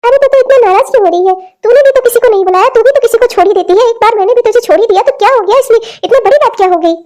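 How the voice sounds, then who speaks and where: A woman's voice: very high voice, very fast, warm tone. A woman voicing an elderly cartoon grandmother who lectures her family and scolds her daughter. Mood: scolding. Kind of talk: cartoon dialogue acting.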